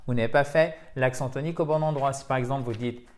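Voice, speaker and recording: A man's voice: mid-range voice, quick pace. A man teaching English pronunciation in a video lesson, explaining in French and repeating example words with the stress marked.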